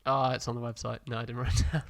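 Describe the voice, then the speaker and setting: A man's voice: mid-range voice, flat delivery, racing, creaky. A man co-hosting a film podcast, chatting casually and rambling with lots of fillers. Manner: rambling, hesitant, full of fillers. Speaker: podcast co-host. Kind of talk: casual chat.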